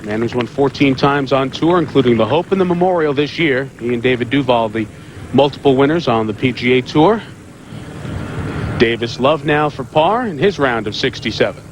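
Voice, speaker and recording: A man's voice: medium pitch, lively intonation, moderate pace, background noise. A man anchoring televised golf commentary, reading out scores and standings. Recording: music behind broadcast commentary.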